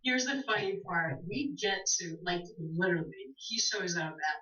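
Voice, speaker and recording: A woman in her forties tells stories with emphasis, laughing often, in a somewhat low voice. She sounds set back from the mic in an echoey room. The sound is dull and muffled. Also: moderate pace, bright, forceful tone, far from the mic. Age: 40s. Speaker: guest speaker. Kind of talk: casual interview chat.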